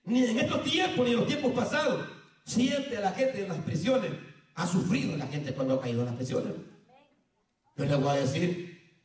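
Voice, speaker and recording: A male pastor preaching a sermon, jumping between shouted lines and low murmurs and repeating phrases. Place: church. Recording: echoey church from far off.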